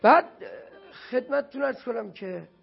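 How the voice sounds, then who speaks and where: Over faint music in a dull, lo-fi recording, a man from Iran recounts a moving religious story. His voice is very high, creaky and husky, and he performs the dialogue with real feeling.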